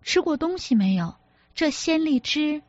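Brief: woman reader giving an exasperated young husband, pleading and defensive, unhurried, audiobook dialogue. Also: high voice, expressive, a little mellow, no echo, muffled recording, pitched above the performer's own voice. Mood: placating. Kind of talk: audiobook character reading.

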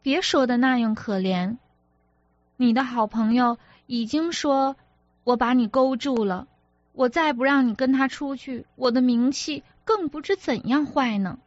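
Sulky, sharp-tongued young wife, voiced by a woman reader. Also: high-pitched, a little slow, dry recording, highs cut off. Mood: reproachful. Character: petulant, jealous young wife, easily hurt. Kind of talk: audiobook character reading.

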